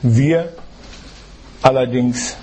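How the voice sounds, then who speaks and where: A man's voice: medium pitch, drawn-out words, mellow, slight background noise. A man preaching a sermon in a church, reading Bible verses and explaining them with rhetorical questions.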